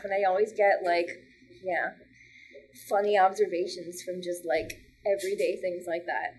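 A woman's voice: mid-range voice, a little mellow, breathy edge, poor audio. Chatty woman comedian with filler words. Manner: chatty, frequent "like" fillers, laughs often. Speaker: stand-up comedian, podcast guest. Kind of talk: casual podcast chat.

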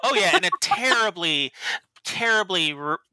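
A man's voice: sits high, normal speed, vocal fry, no echo, rough recording. A man co-hosting a podcast, playful and sharing fun facts in casual chat. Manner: playful, animated, shares facts. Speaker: podcast co-host.

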